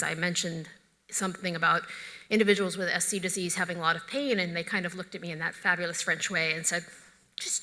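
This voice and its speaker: A woman's voice: fairly low pitch, bright, forceful tone. A middle-aged woman physician giving a conference lecture, conversational and opinionated, with joking asides. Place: large conference hall. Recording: echoey lecture hall.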